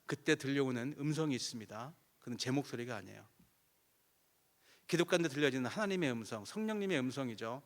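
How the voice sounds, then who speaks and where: Animated Korean pastor preaching a revival sermon. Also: male voice, mid-range voice, fast talker. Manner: animated storytelling, acting out both sides of conversations. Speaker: guest pastor at a revival meeting. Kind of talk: sermon with acted prayer dialogue.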